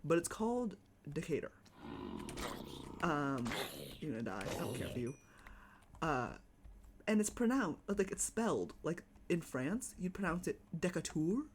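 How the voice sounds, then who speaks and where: An American streamer with a Chicago accent chats casually and rambles while gaming at home on a live stream. His mid-range voice is sing-song and unhurried, with long pauses. There's slight background noise.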